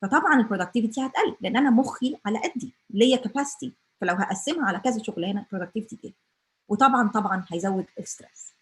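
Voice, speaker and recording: A woman's voice: on the high side, racing. A woman with an Egyptian Arabic accent gives an informal lecture at a church family meeting, dropping English terms and asking her listeners rhetorical questions.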